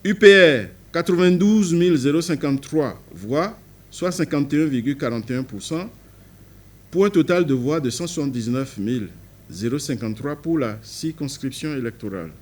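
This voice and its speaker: A man's voice: fairly high pitch, lively intonation, normal speed. Man reading out election results. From Benin. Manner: reads numbers aloud, stressing party initials, self-corrects. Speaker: court official reading results.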